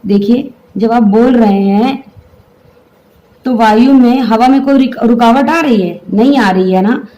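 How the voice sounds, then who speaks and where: A woman's voice: on the high side, unhurried, warm tone, dull audio. A woman teaching a grammar lesson, explaining step by step and having the class say the sounds aloud.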